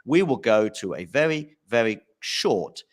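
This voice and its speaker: A man's voice: medium pitch, measured pace, a little hiss or hum. A man hosting a live tennis commentary podcast, chatting casually with fillers. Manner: chatty, relaxed, frequent fillers.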